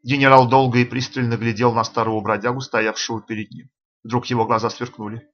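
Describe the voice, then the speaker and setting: Man narrating an audiobook, bright tone. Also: medium pitch, level tone, a little fast, lo-fi sound. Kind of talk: scripted narration.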